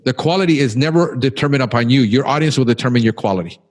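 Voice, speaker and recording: A man's voice: medium pitch, fast. A man who hosts a podcast, talking casually in an emphatic, encouraging, talkative way. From Cuban background. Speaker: podcast host.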